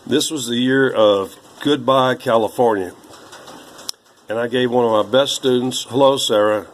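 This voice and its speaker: A man in his sixties, rambling slowly through old papers, halting with many fillers. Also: mid-range voice, a little hiss or hum, low-quality recording. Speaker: vlogger.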